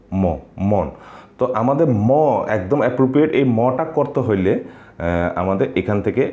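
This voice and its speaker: A man teaching a language lesson, pausing often with fillers and checking in with his listeners. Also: on the low side, dark tone, echoey room, highs cut off. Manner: hesitant, many filler sounds, checks in with listeners.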